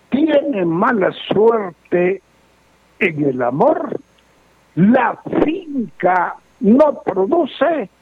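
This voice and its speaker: A man's voice: high-pitched, husky, no echo. A man, a radio advice host and fortune teller, answering listeners' letters in a stern, moralizing way. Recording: lo-fi radio broadcast.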